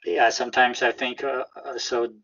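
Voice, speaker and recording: A man with a Russian accent speaks in a dull, lo-fi recording. He answers as an interview guest, carefully and haltingly, often restarting his phrases at an ordinary male pitch. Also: level tone, fairly bright tone. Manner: halting, careful, repeating words as they search for phrasing. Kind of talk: conversational interview.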